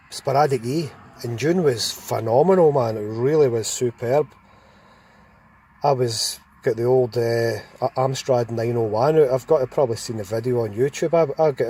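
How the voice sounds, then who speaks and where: A man's voice: mid-range voice, darkish tone, husky. A Scottish man telling casual anecdotes in an over-CB-radio chat, rambling and enthusiastic.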